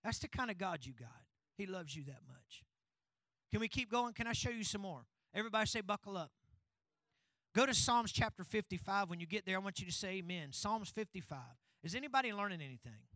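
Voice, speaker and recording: A man preaches to his church in a strikingly high, sharp voice. He keeps asking the room questions and drives his points home until he is shouting fervently. The sound is close and dry. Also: expressive, brisk, dry recording, rough recording. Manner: call-and-response preaching, building to fervent shouting. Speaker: pastor. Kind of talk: sermon. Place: church sanctuary.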